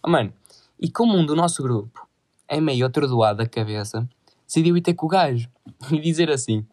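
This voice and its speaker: A man's voice: a little high, lively intonation, a little fast, darkish tone. A teenage boy with a European Portuguese accent telling a crude, rambling story in casual slang full of swearing. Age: teens.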